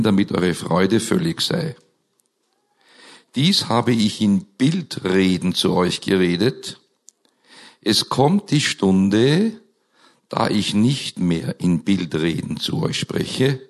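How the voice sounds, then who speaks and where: A pastor with a hoarse, scratchy, lowish voice preaches a sermon slowly and earnestly, rising emphatically at points. He opens in prayer and reads scripture into a microphone.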